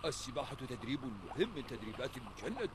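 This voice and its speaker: Animated, bumbling cartoon sergeant acted by a man. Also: medium pitch, quick pace, background noise, natural voice. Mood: scheming, indignant. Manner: self-important, melodramatic. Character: bumbling, feverish military sergeant obsessed with a thieving penguin. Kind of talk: dubbed cartoon acting.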